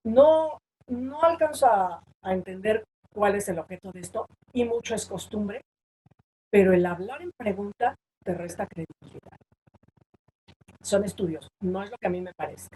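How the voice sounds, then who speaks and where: A woman leads a public speaking workshop, with her voice at a mid pitch. She talks emphatically and shifts her pitch and loudness to show what she means. Faint background noise runs under her voice. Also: normal speed, poor audio. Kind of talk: online presentation workshop.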